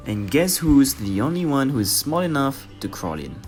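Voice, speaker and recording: Lively male narrator. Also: mid-range voice, normal speed, over music. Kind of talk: scripted vlog narration.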